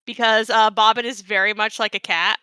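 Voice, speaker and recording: A woman's voice: medium pitch, steady tone, brisk, sharp tone, clean tone, no room sound. A woman giving casual, chatty live commentary on her own game run, with playful asides.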